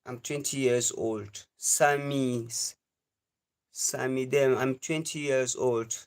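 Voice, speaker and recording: Speaking slowly with a clear, resonant tone, this twenty-something livestream host lectures his viewers in a preachy, repetitive, earnest monologue. His voice is mid-range with fairly even intonation, and he has a Nigerian English accent.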